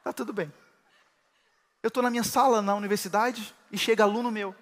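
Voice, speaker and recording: Male pastor, high voice, sermon in a reverberant hall. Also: steady tone, a little fast. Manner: preaching with rising shouts of praise.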